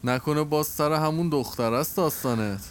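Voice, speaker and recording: A man's voice: on the high side, close to an everyday voice. A man playing a blunt, teasing young male friend in an audio drama, with faint noise behind.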